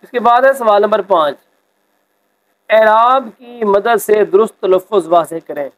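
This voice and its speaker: A man teaching a school lesson, explaining a textbook exercise and reading example sentences slowly with expression. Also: high-pitched, fairly bright tone, low-quality recording.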